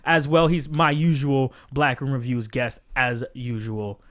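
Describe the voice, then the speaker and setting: A man's voice: medium pitch, little pitch movement, measured pace, fairly bright tone. A man hosting a podcast in a casual, jokey and rambling conversational way. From Puerto Rican background. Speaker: podcast host.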